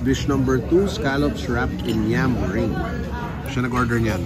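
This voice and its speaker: A Filipino-accented man in his thirties, working as a travel vlogger, chats playfully and informally in a mix of Tagalog and English, filmed on a handheld camera or phone held at arm's length. His mid-range voice holds a steady tone at a measured pace over a noisy crowd. He's on the go, moving through hotel rooms, malls, streets and restaurants.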